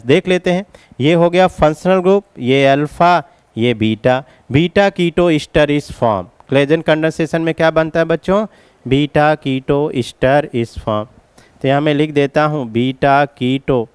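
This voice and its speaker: A man's voice: mid-range voice, a little mellow, smooth, no echo. A man teaching chemistry as a classroom lecture, explaining each step and calling his students children.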